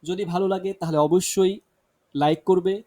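A man with a Bangladeshi Bengali accent, his voice pitched a bit high, teaching a beginners' language class. He reads each example sentence slowly, then translates it, often breaking off mid-word to restart. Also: steady tone, dark tone. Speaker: Arabic teacher. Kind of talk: language lesson, reading and translating.

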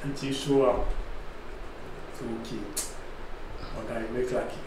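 Speaking a little slowly at medium pitch, a Ghanaian-accented man in his thirties animatedly recounts a trip on a podcast, imitating the police voices. His casual storytelling mixes in Pidgin English. The recording, made on a boom-arm mic in a dark studio, sounds echoey with a slight hum.

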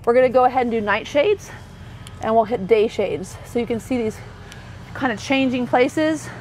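A woman working as an RV sales associate gives a thorough walkthrough tour inside a parked motorhome, chatting with fillers and self-corrections while air conditioning hums faintly. Her voice is on the high side, a little mellow, at a moderate pace.

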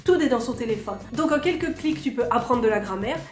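A woman's voice: on the high side, lively intonation, fairly quick. Chatty, self-mocking woman from France. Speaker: vlogger. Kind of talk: casual chat to camera. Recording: echoey room, faint music.

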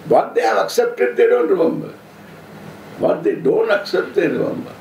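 A man in his seventies with a South Indian accent, giving an informal spiritual discourse in halting, deliberate phrases with playful humour. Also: sits high, lively intonation, a little mellow. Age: 70s. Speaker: spiritual teacher, swami. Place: seated on stage before an audience, indoors. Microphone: stand microphone close in front. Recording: roomy echo, audible background noise.

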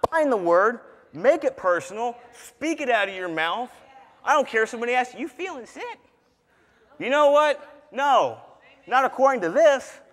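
A young man preaching a sermon to a congregation in an animated way, rising to shouts for emphasis. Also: very high voice, normal speed. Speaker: student preacher. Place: large church sanctuary. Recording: reverberant church hall.

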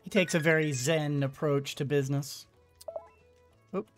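Musing hesitantly to himself during a let's play, this middle-aged man casually comments as he games for his video channel. He speaks a little slowly, with a fairly high pitch and fairly even intonation, into a headset and boom-arm mic while game music plays.

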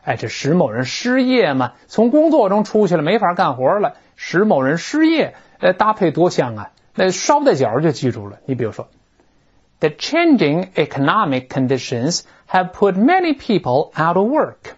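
A male English teacher walks through a textbook passage. He talks in a colloquial, lively way, his voice bouncing up and down in pitch. The recording sounds muffled and lo-fi. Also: normal speed, hardly any pauses, breathy edge. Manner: lively, colloquial, northern-style chatty explanations. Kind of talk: explaining a textbook text. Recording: dull lo-fi recording.

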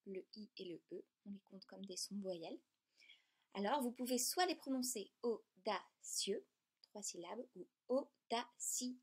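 A woman teaching a lesson in a clear, patient, step-by-step way. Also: mid-range voice, animated, normal speed, darkish tone. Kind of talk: explanatory lesson.

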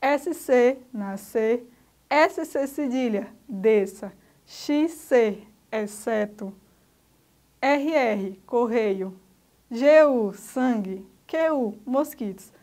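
A Brazilian woman teaching a recorded grammar lesson, her voice sitting high. She speaks slowly and didactically, naming each letter one at a time for young pupils. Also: darkish tone. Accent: Brazilian Portuguese.

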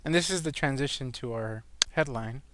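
A man with a mid-pitched, slightly wheezy voice presents an online tutorial in a casual way. He breathes a little hard and talks through each click informally as he goes. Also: moderate pace, background noise. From California, where he lives. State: breathing a little hard after an asthma attack.

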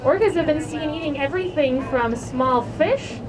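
Over a PA on a moving boat at sea, a woman narrates a whale watching tour, chatty and playful, quizzing passengers. Her high, expressive voice is at normal speed against crowd noise and a loud engine and wind.

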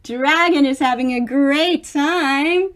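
Her voice is high-pitched, slow and a bit bright as this middle-aged woman reads a picture book aloud. Aimed at young children, her storybook reading is expressive and theatrical, with stretched words and chatty side comments.

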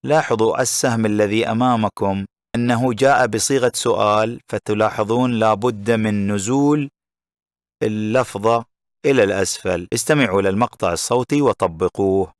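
A man teaching from an English textbook, reading each English line slowly and then translating it into Arabic. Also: on the low side, no room sound, studio quality.

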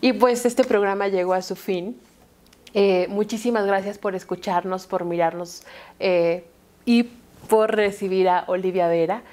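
A woman's voice: medium pitch, fairly even intonation, unhurried, a little mellow. A woman host giving thankful closing remarks. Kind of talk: program sign-off.

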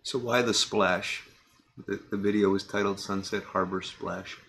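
A man in his fifties with a low, gravelly voice talks casually into a desk camera in his home workshop. He rambles candidly and restarts his sentences often. A faint room ambience sits behind him. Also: fairly even intonation, unhurried, fairly bright tone, slight background noise. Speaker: pipe tobacco reviewer.

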